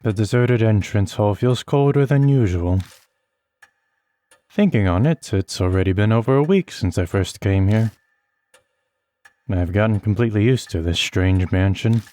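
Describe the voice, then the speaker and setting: A man reading a horror visual novel aloud in steady first-person narration. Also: lowish voice, normal speed, long pauses. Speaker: let's play host. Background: faint game music.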